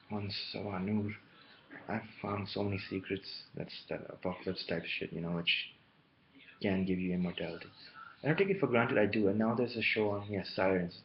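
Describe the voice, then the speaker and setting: A man's voice: low voice, vocal fry. A man talking to camera in a rambling solo monologue, wandering from one topic to the next, on a muffled lo-fi recording with faint hiss. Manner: meandering, jumping between topics. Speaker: vlogger.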